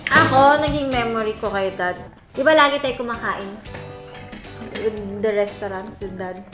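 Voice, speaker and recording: A young woman hosting her own vlog, recalling family memories in a soft, reflective way and slipping English phrases into her Tagalog. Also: fairly high pitch, moderate pace. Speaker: vlog host. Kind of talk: casual chat and personal storytelling. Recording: roomy sound with background music.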